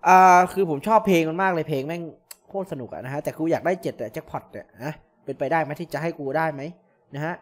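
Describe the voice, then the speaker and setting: A man giving casual, excitable commentary while playing an online slot game, often cursing at the results. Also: high-pitched.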